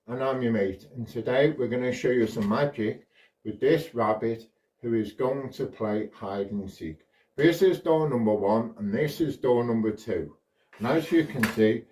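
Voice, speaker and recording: A man's voice: fairly low pitch, a little mellow, a little hiss or hum. A man from the UK doing simple, playful patter as a kids party magician, asking questions and leading along a young audience. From United Kingdom. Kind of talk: scripted children's magic patter. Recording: distant microphone.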